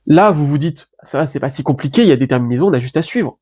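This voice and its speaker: A man giving a casual online lesson on biblical Greek grammar. He talks in a relaxed, chatty way, with many fillers and restarts, and slows down to spell out word endings. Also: fairly high pitch, breathy edge.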